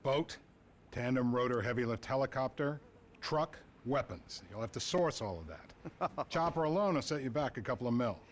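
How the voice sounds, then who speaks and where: A man's voice: mid-range voice, expressive, normal speed, slight background noise, close to an everyday voice. A man playing a weary male federal agent in a video game cutscene, giving a hesitant, apologetic briefing. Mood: matter-of-fact.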